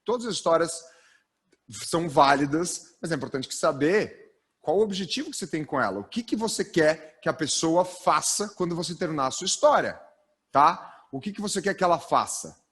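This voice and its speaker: A man's voice: fairly high pitch, normal speed, husky. A man gives a live storytelling workshop from a stage. He talks with lots of energy and keeps checking in with a questioning "tá?". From Brazil. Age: 30s. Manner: energetic, tags sentences with a questioning "tá?". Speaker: storytelling trainer. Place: stage of a live training event.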